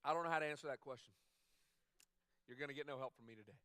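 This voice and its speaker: A man's voice: mid-range voice, fast talker, sharp tone, clear, resonant tone, no echo. A man preaching a sermon as a pastor, talking conversationally and repeating phrases for emphasis. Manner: acts out quoted dialogue in other voices.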